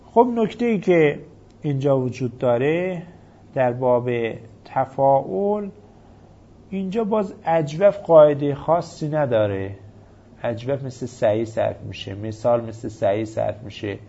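A man's voice: mid-range voice, lively intonation, creaky, mellow. A man teaching a grammar lesson, patiently reciting verb forms in methodical lists. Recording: dull lo-fi recording.

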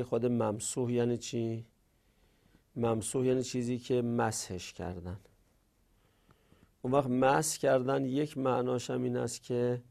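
A man teaching a grammar lesson, speaking deliberately and drawing out the example words. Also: lowish voice, gravelly, warm tone.

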